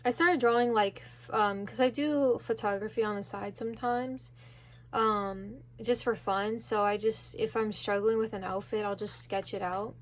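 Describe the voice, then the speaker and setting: A young woman giving a casual, chatty tour of her sketchbooks, excitable and full of fillers. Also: medium pitch, moderate pace. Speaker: vlogger.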